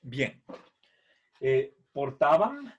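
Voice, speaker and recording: A husky, mid-range and very animated voice belongs to a middle-aged man teaching Latin grammar, captured with lo-fi sound. He explains slowly and patiently, drilling verb forms syllable by syllable, repeating them, and adding "¿sí?" after each point.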